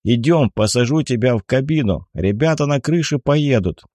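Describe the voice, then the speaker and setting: A man reading an audiobook voices a calm male leader giving steady orders. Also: mid-range voice, normal speed, dry recording, clean studio sound, pitched above the performer's own voice, close to an everyday voice. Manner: steady, commanding.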